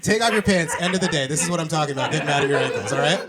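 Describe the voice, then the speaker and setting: Stand-up guy, high lively voice, rambly and fed up, big crowd roaring in a live club. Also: racing. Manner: rambling, exasperated, swings into loud ranting. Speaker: stand-up comedian. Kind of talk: stand-up comedy set. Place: small comedy venue with live audience. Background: loud audience laughter.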